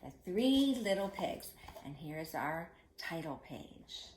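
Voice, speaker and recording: A woman storyteller reading a fairy tale to children in expressive storybook narration, as in a fairy tale opening, with friendly asides to the listeners. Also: fairly low pitch, takes it slowly, slight background noise. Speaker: storyteller, children's read-aloud host. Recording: echoey room.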